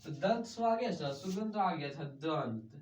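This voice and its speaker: A man's voice: fairly high pitch, animated, a little slow. A man teaching a grammar lesson, asking questions and answering them himself and calling everyone sir. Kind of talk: grammar lesson with call-and-response drilling. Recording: echoey room, distant muffled mic.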